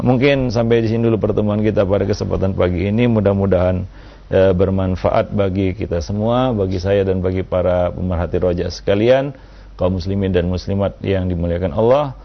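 A male preacher answering a listener's question with calm religious advice, unhurried and full of little "ya" tags, on a dull lo-fi recording. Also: on the low side, vocal fry. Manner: unhurried, with frequent "ya" and "kan begitu" tags.

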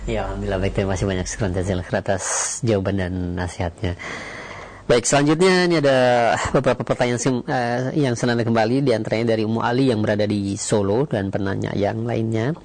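Brisk low-voiced host. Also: male voice, darkish tone. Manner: brisk, courteous, reads listener questions. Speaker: program host reading questions. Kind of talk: hosting a question-and-answer program.

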